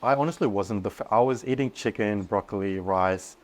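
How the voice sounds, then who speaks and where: Earnest man, lower voice. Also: a little fast. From Australia. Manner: earnest, animated, frequent restarts. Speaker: guest. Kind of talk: casual podcast interview.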